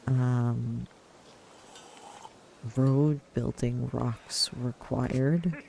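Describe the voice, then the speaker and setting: A man's voice: medium pitch, fairly even intonation, very slow, vocal fry, a little mellow, a little hiss or hum, poor audio. A man giving casual video game commentary, musing and hesitant as he thinks aloud and reads in-game text. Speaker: player narrating a video game.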